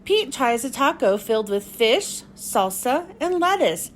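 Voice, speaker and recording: A woman host reading a storybook aloud for children in an expressive way. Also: a little high, a little slow, slight background noise. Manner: expressive, clearly addressed to young children.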